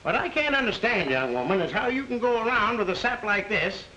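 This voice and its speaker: A bossy small-town cop. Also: male voice, sits high, animated, fairly quick, bright, forceful tone, highs cut off. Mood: scolding. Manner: blustering, tough-guy slang. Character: gruff small-town male policeman, bossy. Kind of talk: 1930s film acting. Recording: old film soundtrack with hiss.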